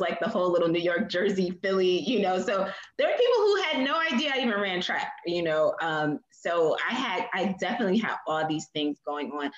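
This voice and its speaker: A young adult woman from Philadelphia talking casually as an interview guest, chatty and full of "like" and "um". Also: lowish voice. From Philadelphia, USA. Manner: chatty, lots of "like" and "um". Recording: echoey room, dull lo-fi sound.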